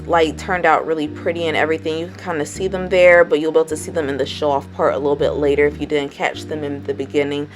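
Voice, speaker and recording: A woman hosting a crafting tutorial in a casual voice-over, chatty and rambling, full of fillers like "um" and "and everything.". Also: on the low side.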